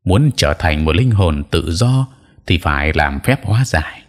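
A man voicing a calm, stern middle-aged male exorcist who speaks in a measured, coolly mocking way in an audio story. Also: deep voice, exaggerated voice.

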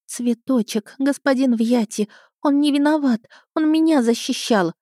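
A woman's voice: mid-range voice, moderate pace, warm tone, no room sound, clean studio sound, close to an everyday voice. A woman voicing an emotional young female magic student who pleads in a tearful, breathless way. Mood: tearful pleading.

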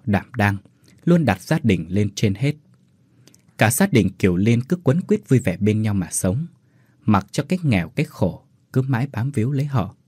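A man narrating a sad story in a melodramatic style, slowing down for sung-out verse lines. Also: on the low side, a little mellow, slightly rough, dry recording, studio quality.

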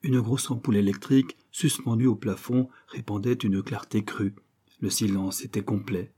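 Low husky male audiobook narrator. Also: fairly even intonation, moderate pace, warm tone.

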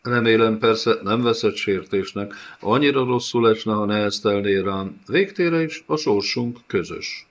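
A man's voice: lowish voice, few pauses, natural voice. A man doing a fawning, crafty little prisoner. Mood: wheedling. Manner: fawning, wheedling. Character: small bald crafty older male prisoner.

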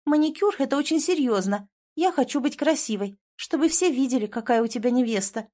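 A woman voicing a capricious, clingy young woman in an audiobook, with a pouty, whiny, shrill manner. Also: expressive, fairly quick, warm tone. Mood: whiny, haughty. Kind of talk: audiobook character voice.

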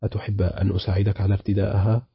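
A man's voice: fairly low pitch, level tone, rapid-fire, vocal fry, husky, dry recording, highs cut off, full character voice. A man reading as an icy, mocking betrayed husband. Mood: cold mocking. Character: cold sarcastic betrayed husband, middle-aged man.

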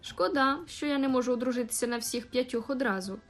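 A woman's voice: a little high, quick pace, soft background music, close to an everyday voice. A woman reading an audiobook voices Dick, a cheerful, devoted young groom who teases his bride.

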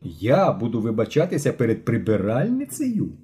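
A man's voice: medium pitch, wildly swooping pitch, moderate pace, dark tone. A man voicing Yurko, an arrogant schoolboy who speaks disdainfully with a drawl. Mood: haughty.

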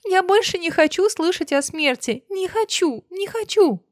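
Woman reading a terrified young woman, very high, shrill, trembling, audiobook character. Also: expressive, normal speed, no room sound, studio quality.

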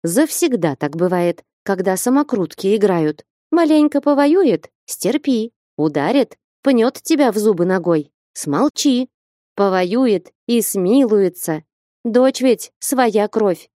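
Woman narrator voicing a sharp-tongued young schemer who lectures a timid man; warm low-bright tone, pitch jumping up. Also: lively intonation, slow, no echo, studio quality. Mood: coaxing. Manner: scolding, commanding, rising to high pitch. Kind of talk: audiobook character reading.

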